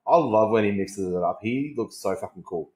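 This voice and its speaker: A man's voice: on the low side, expressive, normal speed, a little mellow. A man talking casually and enthusiastically as an informal fan on a wrestling podcast. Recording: roomy, echoing voice recording.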